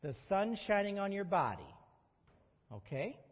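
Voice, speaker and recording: A man's voice: high voice, measured pace. A man leading a group Bible study, talking with his class and asking them questions. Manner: lively, conversational, questions the class. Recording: dull audio with long room reverb.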